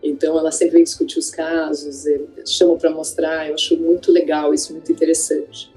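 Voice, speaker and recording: Low, mellow-voiced woman reminiscing. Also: level tone, fairly quick, soft background music, rough recording. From Greater São Paulo, Brazil. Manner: conversational, many fillers and tag questions. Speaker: ophthalmologist. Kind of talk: reflective interview testimony.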